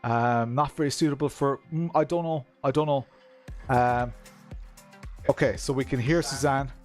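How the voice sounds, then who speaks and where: Irish streamer with a west of Ireland accent. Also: male voice, mid-range voice, steady tone, normal speed, faint music behind. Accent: Irish, County Kerry in the west of Ireland. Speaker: live stream host. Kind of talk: casual chat with stream viewers, reading comments.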